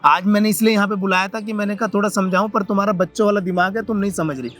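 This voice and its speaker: A man's voice: high voice, steady tone, rapid-fire, fairly bright tone. A man playing a flustered brother-in-law who keeps pleading and refusing in an amateur skit. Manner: pleading, defensive.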